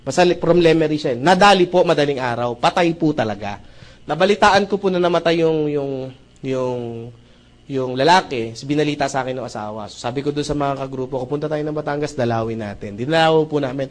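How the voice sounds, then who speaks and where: A seminar speaker with a fairly high voice gives a brisk, live sales pitch for a business opportunity, speaking Filipino mixed with English phrases. He's jokey and animated, constantly checking in with the audience and often asking "right?"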